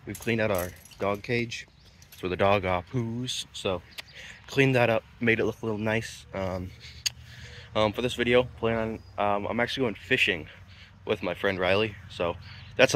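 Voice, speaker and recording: A teenage male vlogger chats casually and informally into a handheld phone held at arm's length. His voice is on the low side and a bit bright, and the phone recording is noisy.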